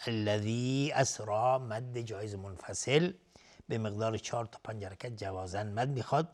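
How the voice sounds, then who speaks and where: A man teaching Quranic recitation rules on a TV lesson. He chants verses slowly and drawn out, then explains each rule in quick, plain talk. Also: lowish voice. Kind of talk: tajweed lesson with slow recitation. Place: TV studio.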